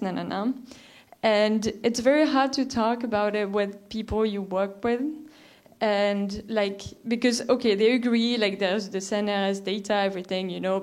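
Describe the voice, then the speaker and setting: A woman's voice: mid-range voice, a little mellow. A young woman, a PhD student putting a question to a panel, hesitant and full of fillers. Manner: hesitant, many fillers and restarts. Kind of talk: audience question at a panel discussion.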